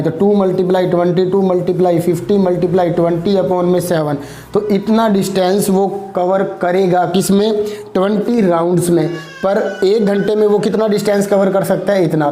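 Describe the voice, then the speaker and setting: A man's voice: high voice, dark tone, reverberant. A male maths teacher working through problems step by step, asking and answering his own questions. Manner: explains with repeated rhetorical questions.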